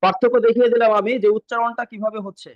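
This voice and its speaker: High-voiced man teaching a grammar lesson. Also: fairly even intonation, rapid-fire, dry recording, highs cut off. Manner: repetitive, quizzing students and answering himself. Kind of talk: exam-prep grammar lesson.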